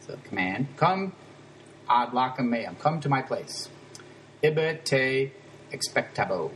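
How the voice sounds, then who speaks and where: A man's voice: medium pitch, very animated, fairly bright tone, slight background noise, low-quality recording. A man teaching Latin, explaining a text line by line in a casual, conversational way. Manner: casual, conversational, breaks down grammar with quick asides.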